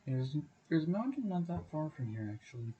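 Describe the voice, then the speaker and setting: A slightly hoarse man streaming a game, thinking aloud and correcting himself as he goes. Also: on the high side, sing-song, a little fast, highs cut off, slight background noise. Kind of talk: livestream gameplay commentary. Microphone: desk mic on a stand.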